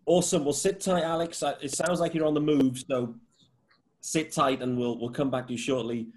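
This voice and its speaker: A man's voice: fairly high pitch, fairly even intonation, moderate pace. A man from the UK hosting a casual podcast chat, upbeat and enthusiastic as he asks his guests questions. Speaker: podcast host.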